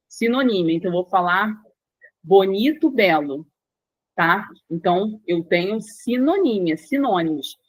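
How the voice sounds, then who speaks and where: A woman's voice: mid-range voice, no echo, low-quality recording. A woman with a Brazilian Portuguese accent teaching an online language lesson, explaining in plain steps, repeating key points and checking in with her students.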